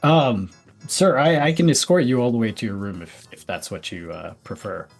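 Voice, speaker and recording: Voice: mid-range voice, very animated, normal speed, creaky, faint music behind, voice pushed down. A game master voicing a polite, flustered male security guard who keeps calling the guest sir. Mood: politely firm. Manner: stiffly courteous, keeps saying sir.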